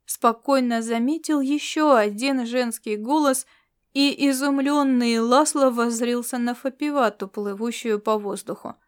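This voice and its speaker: Fields: Sex: woman. Style: audiobook narration. Pitch: high. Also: fairly even intonation, a little slow, smooth.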